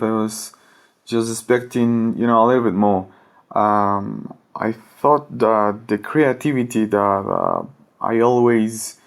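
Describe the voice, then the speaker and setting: A man in his thirties from Ecuador, speaking English with an Ecuadorian Spanish accent as a podcast guest, hesitant and full of fillers. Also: fairly low pitch. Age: 30s. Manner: hesitant, many fillers, searching for words. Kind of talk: podcast interview.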